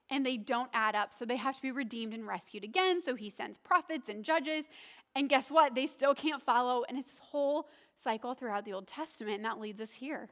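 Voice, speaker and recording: Woman pastor, high voice, earnest and conversational sermon delivery. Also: a bit bright. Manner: conversational, earnest, asks the congregation questions.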